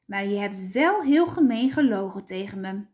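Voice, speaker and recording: A woman's voice: mid-range voice, lively intonation, normal speed, a little mellow, close to an everyday voice. A woman reading aloud, voicing a modest young boy who speaks hesitantly and sincerely. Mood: earnest.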